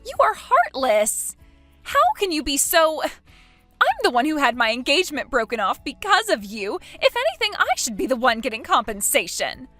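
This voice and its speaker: A woman's voice: sits high, very animated, brisk, bright, forceful tone, dry recording, soft background music, exaggerated voice. A woman voicing an entitled young woman who whines and protests in rising outbursts, in a read-aloud text story. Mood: indignant.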